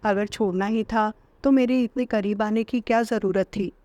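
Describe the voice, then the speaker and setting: A woman's voice: medium pitch, fairly even intonation, moderate pace, warm tone, no echo, lightly acted. A woman voicing a stubborn, tearful young wife in a storybook narration, in her own voice.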